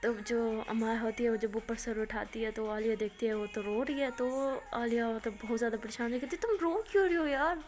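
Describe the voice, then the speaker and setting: Woman storytelling casually, lots of fillers, kinda high voice. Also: little pitch movement, few pauses, darkish tone, faint music behind. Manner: chatty, many fillers.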